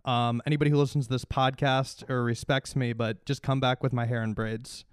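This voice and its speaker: A man hosting a podcast with casual comedic banter in a relaxed, calm manner. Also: mid-range voice, brisk, smooth, dry recording, clean studio sound. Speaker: podcast host.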